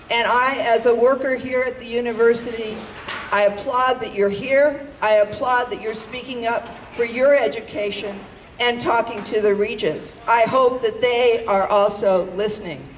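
Speaking into a handheld mic at an outdoor campus rally, a middle-aged woman on the faculty gives fiery, stirring protest oratory. She sounds a little high, with fairly even intonation and a moderate pace. The recording picks up reverberant, distant PA audio with outdoor noise.

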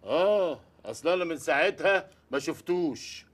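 An actor with an Egyptian accent playing a curt, threatening gangster boss in a comedy series. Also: male voice, a little high, animated, normal speed. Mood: menacing. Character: menacing male gangster boss, gruff and commanding.

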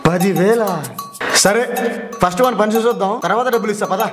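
Very high-voiced pleading young man. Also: fairly quick. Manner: pleading and sheepish. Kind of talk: comedy sketch acting. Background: background music.

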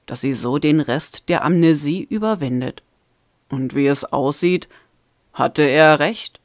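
A woman's voice: deep voice, no room sound, studio quality. A woman reading the part of a mocking, playful man in a storybook. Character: teasing grinning man, friend of the family.

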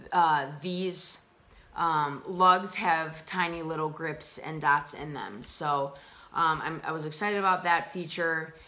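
A woman's voice: fairly low pitch, sharp tone. A young woman from the United States in a casual, upbeat gear review, talking chattily with frequent ums, recorded indoors on a laptop camera mic. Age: young adult. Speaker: vlogger reviewing hiking gear. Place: small room indoors at a table.

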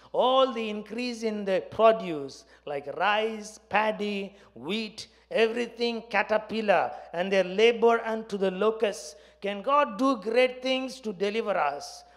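Male pastor, South Indian accent, native Tamil speaker, high voice, conversational sermon, short broken phrases, handheld mic. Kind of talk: conversational sermon with personal anecdotes. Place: church stage. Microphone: handheld microphone.

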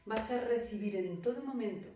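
Meditation teacher, woman, calm and deliberate, voice distant in a very echoey room. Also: on the high side, soft background music. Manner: calm, measured, speaks with slow emphatic pauses. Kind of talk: guided meditation talk. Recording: very echoey room, voice far from mic.

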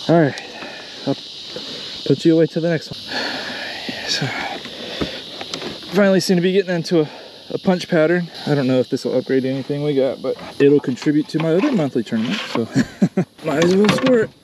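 A man's voice: fairly high pitch, moderate pace, pauses often. A man with a Southern US accent chatting casually to a phone camera from his kayak on a lake while fishing, rambling and poking fun at himself. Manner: chatty, rambling, self-deprecating. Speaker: kayak bass angler. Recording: outdoor phone recording with loud insect noise. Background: insects and outdoor ambience.

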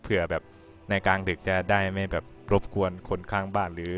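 A lower male voice calling a game stream in a laid-back, chatty way. He laughs easily and offers advice to viewers between lane calls. Faint music sits behind him. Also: flat delivery, fairly quick, a bit bright. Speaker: esports commentator. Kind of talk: casual game commentary.

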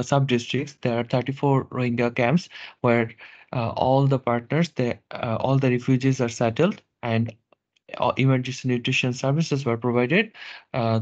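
A man presents in a webinar over a video call, measured and halting, pausing often on fillers. His pitch sits in an ordinary middle range. The audio is slightly dull, like a muffled call line. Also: darkish tone. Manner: measured, with frequent hesitations and fillers. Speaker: nutrition officer presenting a webinar. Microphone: video call microphone.

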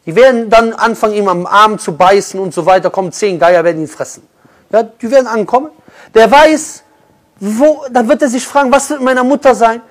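A man preaching a sermon with a high-pitched voice, passionate throughout. He swings from loud, urging appeals to soft, hushed lines. He speaks straight to his listeners as brother and sister. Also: brisk.

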